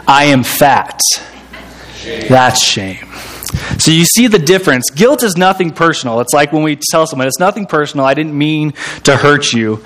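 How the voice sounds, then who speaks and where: Picture a young man from the United States leading a group talk on faith, his voice a touch high. He stumbles and restarts often, leaning on fillers. Now and then he pauses to quiz the room. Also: fairly bright tone. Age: young adult. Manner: halting, with fillers and repeated words; quizzes listeners and waits for answers. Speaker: seminary-trained speaker. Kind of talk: sermon-style talk to a group.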